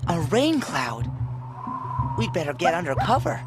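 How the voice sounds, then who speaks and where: Gentle, cheerful cartoon octopus. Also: male voice, fairly high pitch, big pitch swings, unhurried. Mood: kind. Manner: cheerful, kind and patient. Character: friendly, gentle young male octopus. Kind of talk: cartoon voice acting. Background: cartoon music.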